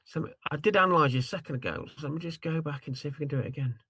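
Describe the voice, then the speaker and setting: A man's voice: fairly high pitch, rapid-fire, bright, forceful tone, slightly rough, dry recording. A man demonstrating a tool over a video call, talking in a rambling, apologetic way while he searches his screen. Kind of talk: casual screen-share demo on a video call.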